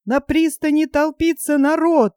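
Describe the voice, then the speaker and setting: Eager male companion, exclaiming, woman reader, high, dry. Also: steady tone, measured pace, warm tone, dry recording. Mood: excited. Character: excited male companion spotting land.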